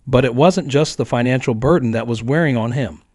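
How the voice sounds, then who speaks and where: A man reading a scripted neighborhood story in a steady, even storytelling manner. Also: medium pitch, brisk, no room sound, clean studio sound. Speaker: narrator.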